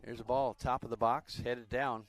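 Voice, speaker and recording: A man doing live play-by-play commentary on a youth soccer match, relaxed and chatty with frequent fillers. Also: mid-range voice, moderate pace, a little hiss or hum.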